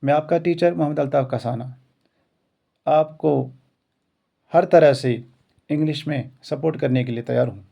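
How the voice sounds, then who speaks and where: Male teacher from India, earnest motivational talk, gravelly voice, mellow dark tone, repetitive rhetoric. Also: fairly high pitch, normal speed, pauses often. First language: not English; self-taught English. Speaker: school English teacher.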